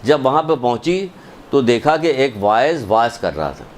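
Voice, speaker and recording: A man's voice: medium pitch, very animated, a little hiss or hum. A man giving a religious sermon, telling a story, repeating points and asking rhetorical questions. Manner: emphatic, repetitive, rhetorical questions. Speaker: religious lecturer.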